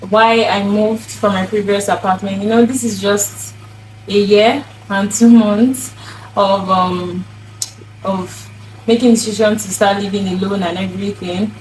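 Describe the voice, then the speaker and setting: Young woman vlogger, casual and dramatic to camera, mid pitch, echoey room. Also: slight background noise. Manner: expressive, dramatic storytelling with exclamations. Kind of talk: casual vlog talk to camera.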